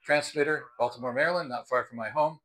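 An American product review host in his sixties stands on a house porch by the front door, explaining products to camera in an emphatic, unscripted, conversational way. He speaks quickly in a mid-range, slightly bright voice.

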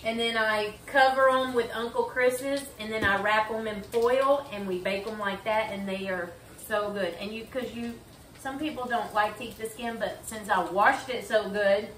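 A woman's voice: fairly high pitch, steady tone, normal speed, fairly bright tone, a little hiss or hum. A middle-aged woman co-hosting a home cooking video, chatting and explaining each step as she cooks in her kitchen. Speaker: cooking show co-host. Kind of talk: casual home cooking chat. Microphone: far camera across the room. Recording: echoey kitchen from far off.

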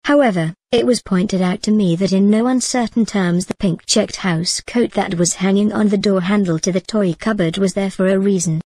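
A woman reading a story aloud in a measured, even manner. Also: medium pitch, slightly rough, no echo. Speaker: narrator. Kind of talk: storybook narration.

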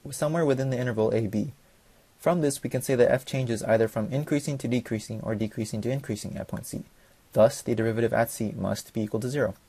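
A young man, a student, gives a read-aloud class presentation at a quick clip, now and then stumbling and restarting. His voice is dark and a little husky. The recording is dry and close to the mic. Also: mid-range voice, dry recording. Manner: fast, reads from notes with small slips.

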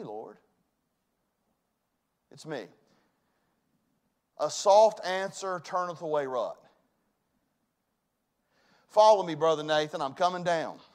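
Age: 40s. Sex: male. Role: pastor. Style: sermon in a church sanctuary. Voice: fairly high, emphatic, loud then hushed.

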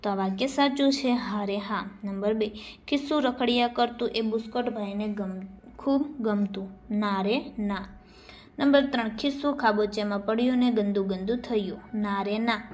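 A woman teacher reading out workbook answers and giving dialogue lines an expressive lift. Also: medium pitch, moderate pace. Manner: reads dialogue lines with lively, expressive emphasis.

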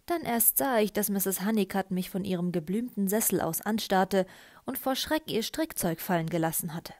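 A woman reads a novel aloud in the first person. Her storytelling is lively and expressive, at an ordinary middle pitch. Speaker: audiobook reader. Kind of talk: first-person audiobook narration.

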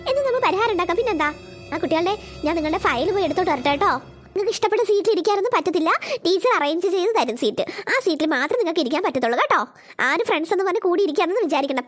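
A woman voicing a strict new class teacher in a cartoon, firmly lecturing the children. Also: extremely high pitch. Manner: firm and scolding, lecturing the class.

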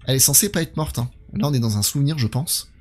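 A man's voice: medium pitch, lively intonation, fast, darkish tone. A man streaming a horror game live, thinking aloud and talking to his viewers in a chatty way. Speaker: gaming streamer. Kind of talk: live let's play commentary.

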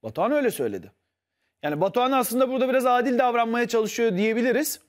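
A man with a high voice that jumps all over the place, arguing hard on a studio panel show. He keeps pressing his point and turns to the viewers to back him up. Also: expressive, very fast. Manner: insistent, argumentative, appeals to the viewers. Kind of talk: heated TV panel debate.

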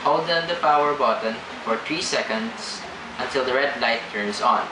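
A young man acting as a polite male call center agent delivers stilted, halting script lines. The room is echoey and a loud noise runs behind the voice. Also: mid-range voice, natural voice. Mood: polite, instructing. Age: young adult. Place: small indoor room.

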